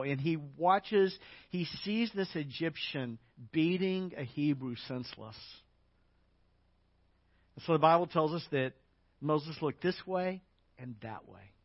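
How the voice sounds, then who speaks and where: A male pastor tells his sermon like a story, chatty and anecdotal, pushing up into louder emphatic stretches. His voice sits a little high for a man. The audio is dull and lo-fi, with a dry, close sound. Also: no room sound. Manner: conversational, anecdotal, with fillers; builds to louder, higher emphatic passages.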